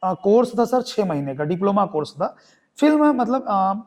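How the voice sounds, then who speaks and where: On a podcast, a young Chhattisgarhi man who works in theatre tells his story, imitating the characters' voices. He speaks with a Chhattisgarhi Hindi accent at a moderate pace, his high, darkish voice swinging widely in pitch.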